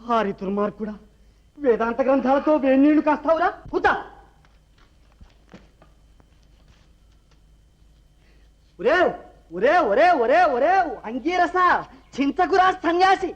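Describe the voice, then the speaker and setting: A man's voice: very high-pitched, lively intonation, moderate pace. An actor playing a harried sage and father of many, scolding his children in exasperation, theatrical, on an old film soundtrack. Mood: exasperated. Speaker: sage burdened with wife and children. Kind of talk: 1960s Telugu film acting.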